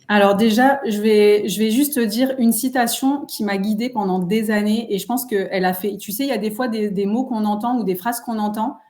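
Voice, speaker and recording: A woman's voice: medium pitch, steady tone, normal speed, hardly any pauses, a little mellow. A woman, a guest speaking earnestly and reflectively in a casual interview. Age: 30s. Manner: earnest, reflective, many fillers. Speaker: guest entrepreneur.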